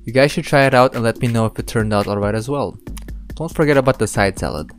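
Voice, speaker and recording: This Filipino cook narrates his channel quickly at a medium pitch, offering laid-back, step-by-step directions laced with dry wit while soft music plays underneath.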